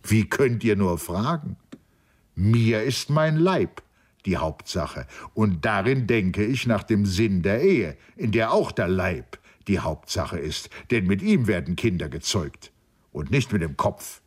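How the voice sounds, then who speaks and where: A man voicing a reasoning young man who earnestly argues his case in a measured way. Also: on the low side, lively intonation, slightly rough, full character voice. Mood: insistent. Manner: measured, argumentative. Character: reasoning young man, newly bodied friend.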